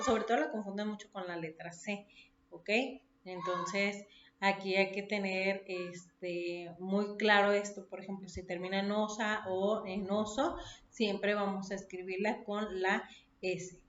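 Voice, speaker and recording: A woman's voice: mid-range voice, slight background noise. A woman teacher giving a recorded lesson, listing words one by one and checking in with her listeners after each point. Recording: dull echoey room recording.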